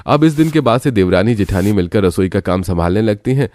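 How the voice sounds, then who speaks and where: A man narrating a family story in a steady, descriptive manner. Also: on the low side, a little fast, faint music behind.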